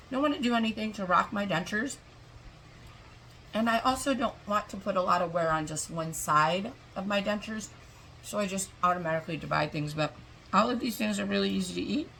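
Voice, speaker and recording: Middle-aged woman vlogger, low gravelly voice, rambling casual chat, faint noise behind. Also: sharp tone, rough recording. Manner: chatty, wandering, self-interrupting. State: talking with food in mouth.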